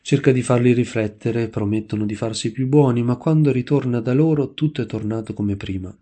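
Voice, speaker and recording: A man reading the part of a gentle, devoted young priest who questions a boy kindly. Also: mid-range voice, a little fast, close to an everyday voice. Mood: sorrowful.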